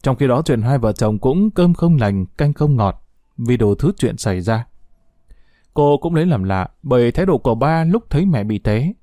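A man narrating a dramatic family story with a brisk reading manner. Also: medium pitch, expressive, warm tone, no room sound, studio quality.

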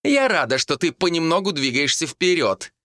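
A bright, high, teasing village woman, as a male reader puts her on, who answers threats with mockery. Her voice climbs high and lively. The audiobook reading is close and dry. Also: normal speed, no echo. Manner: teasing, defiant. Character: bold mocking young village woman.

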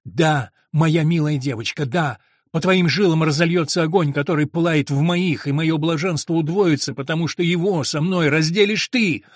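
A man reading a novel aloud, voicing a domineering, lustful monk who speaks slowly and coaxingly. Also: dry recording, clean studio sound, close to an everyday voice. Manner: low, slow and coaxing.

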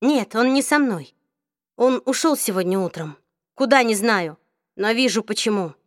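A woman's voice: a little high, lively intonation, normal speed, no room sound, studio quality, natural voice. A woman doing a defiant teenage girl.

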